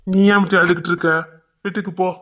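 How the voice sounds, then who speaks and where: A man playing a husky young village lover. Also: sits high, flat delivery, quick pace, a bit bright. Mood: protective. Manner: rough, protective, teasing. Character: protective young village man, affectionate and hot-tempered. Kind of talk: web series drama acting.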